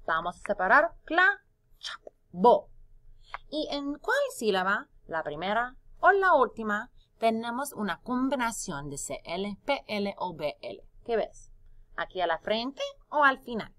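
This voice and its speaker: Slow, lively woman teacher sounding out syllables. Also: fairly high pitch. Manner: slow, syllable-by-syllable dictation with frequent questions. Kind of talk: Spanish phonics lesson.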